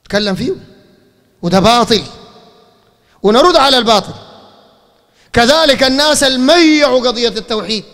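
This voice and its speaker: A man with a Sudanese Arabic accent giving a fiery religious lecture, firing rhetorical questions and breaking into shouts. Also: very high-pitched, animated, a little fast, long pauses. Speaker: preacher. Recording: long hall reverb.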